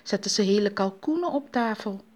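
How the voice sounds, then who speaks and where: A woman's voice: mid-range voice, lively intonation, brisk, a little mellow, close to an everyday voice. A woman voicing a sly, boastful male spider trickster in a storybook tale, with a cheeky, jokey way of talking. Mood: breezy.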